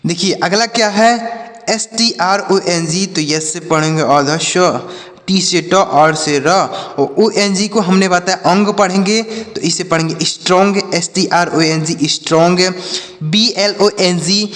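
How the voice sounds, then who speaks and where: A man's voice: high voice, unhurried, fairly bright tone, long reverb tail. A man teaching an English reading lesson, spelling each word out letter by letter, then repeating it and answering his own questions. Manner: asks questions and answers them himself.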